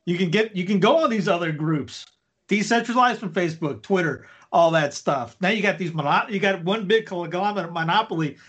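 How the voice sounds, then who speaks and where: A man's voice: sits high, brisk, a bit bright, slightly rough. A man speaking as a guest on a talk show, impassioned and preachy, ranting in bursts. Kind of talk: casual talk show chat.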